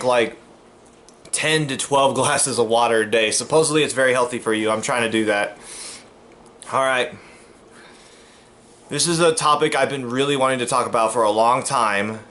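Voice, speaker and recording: An American man talks straight to his camera in a loose vlog monologue. His voice sits at an ordinary middle pitch, and he circles his point with fillers and restarts before landing on it with earnest emphasis. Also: sharp tone. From United States. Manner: rambling, repeats himself, many fillers and restarts. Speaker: vlogger.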